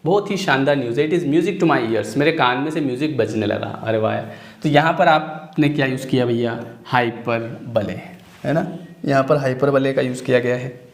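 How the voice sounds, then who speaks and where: A man's voice: medium pitch, moderate pace. Chatty joking male teacher, echoey room. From Chhattisgarh, India. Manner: chatty, joking, asks students rhetorical questions. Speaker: English teacher. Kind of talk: exam-prep lecture.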